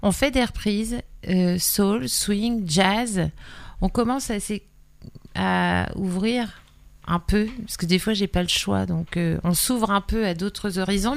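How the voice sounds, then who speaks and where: A woman singer chatting as a guest on a radio show, relaxed and full of hesitations. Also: medium pitch, gravelly. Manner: relaxed, many fillers. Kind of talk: casual interview.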